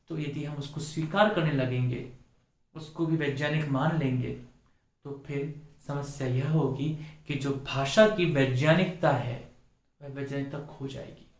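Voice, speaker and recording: A man gives a pronunciation lesson, speaking slowly and deliberately and saying each word over so it can be copied. His voice sits a little high for a man. The recording sounds echoey, as if taken in a bare room. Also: darkish tone. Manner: slow, deliberate, repeats and models each sound. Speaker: Sanskrit teacher. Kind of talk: classroom lecture on pronunciation.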